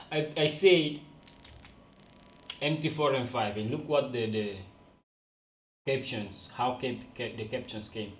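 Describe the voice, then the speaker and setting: A man's voice: medium pitch, slow pace, long pauses. A man whose first language is Portuguese, chatting casually and rambling about his day with frequent self-mocking laughs. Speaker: forex trading vlogger. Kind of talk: casual chat. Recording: echoey room with faint ambience.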